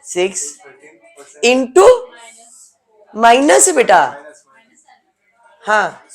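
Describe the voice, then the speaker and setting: A man's voice: extremely high pitch, big pitch swings, extremely slow. A male teacher gives a classroom lecture, explaining step by step and teasing students by name.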